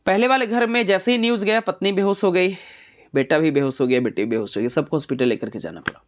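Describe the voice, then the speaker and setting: A woman's voice: on the low side, fast. A woman teacher explaining a poem line by line, using everyday examples and asking her students rhetorical questions. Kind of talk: poetry lesson explanation.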